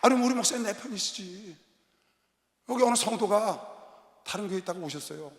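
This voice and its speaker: A man preaching a sermon as pastor, shouting and leading the congregation in call-and-response. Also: high voice, animated, a little fast, a faint crowd. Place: large arena hall. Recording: roomy long-reverb arena sound.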